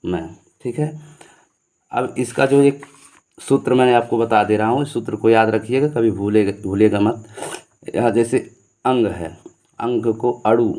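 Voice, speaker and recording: Male teacher, warm and mellow tone, patient classroom explanation, answers his own questions. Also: mid-range voice. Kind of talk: explaining Hindi grammar to students.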